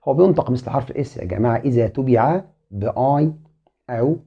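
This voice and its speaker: A man's voice: medium pitch, animated, brisk, vocal fry, husky. A man with an Egyptian Arabic accent teaching an online English lesson, saying each letter twice and politely addressing viewers as a group. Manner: spells letters aloud, repeating each twice. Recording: muffled lo-fi sound.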